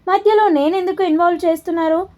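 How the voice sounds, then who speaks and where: A stubborn young woman, indignant and defiant, refusing to give in, as a woman narrator puts her on. Her voice is high and mellow. She is heard in a spoken storybook. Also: fairly even intonation, quick pace.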